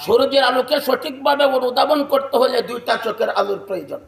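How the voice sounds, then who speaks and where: A man preaching a sermon at a gathering, shouting and chanting verses in a sing-song voice. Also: very high voice, fairly quick, gravelly. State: unwell. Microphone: loudspeaker microphone. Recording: echoey loudspeaker sound.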